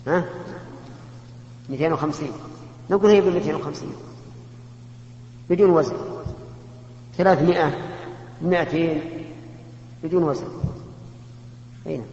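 A man, a religious scholar answering questions in a measured, explanatory way with rhetorical questions. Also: a little high, a little mellow. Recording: echoey hall, muffled lo-fi tape with faint hum.

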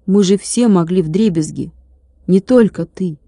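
A woman's voice: on the low side, a little slow, warm tone, dry recording, studio quality. A woman voicing an earnest young schoolboy in an audiobook, speaking in a pleading way.

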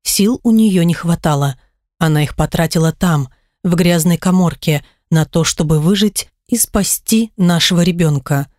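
An audiobook narrator reads scripted first-person narration in an emotional, intimate storytelling manner. Her voice is lowish and darkish in tone, at a moderate pace. The recording is studio quality with no echo.

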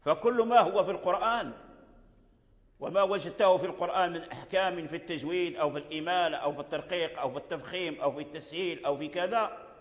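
An older man from Morocco gives a lesson on Quran recitation. He explains patiently and repeats his points in a fairly high voice. His voice trails off into a long, echoing reverb. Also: fast talker. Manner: explains patiently, repeats key phrases, chants examples. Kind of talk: religious lesson on tajweed.

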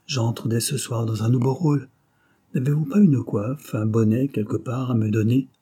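A man's voice: medium pitch, normal speed, mellow, breathy edge, close to an everyday voice. A man reading an audiobook, voicing a playful, teasing young male writer.

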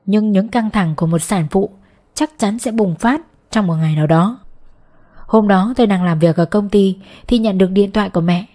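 Woman, audiobook narrator, scripted storytelling, steady expressive delivery, mid-range pitch. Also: normal speed.

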